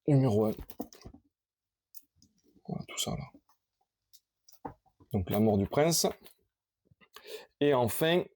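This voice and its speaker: A man casually showing his collection on camera, talking in a halting, rambling way with many restarts. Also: medium pitch, dark tone.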